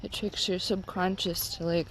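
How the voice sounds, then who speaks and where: A stoned woman rambling casually and haltingly, with lots of filler "like"s, as she vlogs on a walk. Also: fairly low pitch, flat delivery, slight background noise, poor audio. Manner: rambling, halting, heavy use of "like". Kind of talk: casual rambling vlog talk. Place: outdoors, on a walk.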